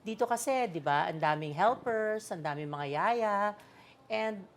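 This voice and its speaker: A woman's voice: mid-range voice, animated, moderate pace. A woman speaking with an American-tinged Filipino accent, a chatty and playful interview guest who mixes English and Tagalog. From Philippines, raised in the United States. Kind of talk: casual Taglish chat. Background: background music.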